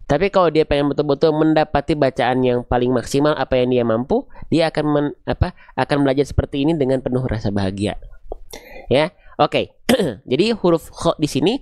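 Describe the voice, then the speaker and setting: A man's voice: mid-range voice, a little fast, darkish tone, clear, resonant tone, dry recording, clean studio sound. A man teaching Quran recitation in an online video lesson, patiently explaining step by step and asking questions aloud before answering them himself.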